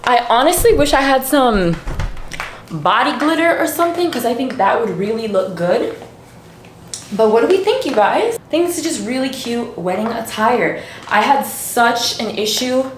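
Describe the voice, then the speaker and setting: A woman's voice: on the high side, sing-song, moderate pace, slight background noise. A woman fashion vlogger chatting casually with viewers while getting ready, in a playful, talkative way. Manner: chatty, playful, talks to viewers as "you guys" and "y'all". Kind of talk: casual get-ready-with-me chat. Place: hotel room. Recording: echoey hotel room.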